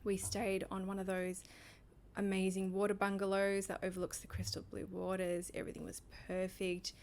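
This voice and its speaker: A woman's voice: medium pitch, completely flat delivery, moderate pace, darkish tone. A woman co-hosting a podcast, telling a personal story in casual chat and laughing often. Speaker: podcast co-host.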